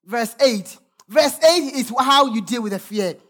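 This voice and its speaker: A woman's voice: a little high, expressive, measured pace, slightly rough. A woman pastor preaching a sermon, reading scripture aloud with emphatic, sometimes sung, calls to the congregation.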